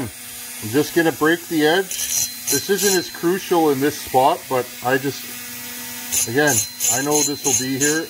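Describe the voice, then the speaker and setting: Speaking off camera over his bench, this man explains his chainsaw porting work in a laid-back, talkative tutorial, poking fun at himself now and then. His voice is mid-range, and the camera sits near the workbench while a rotary grinder whirs through the noisy workshop.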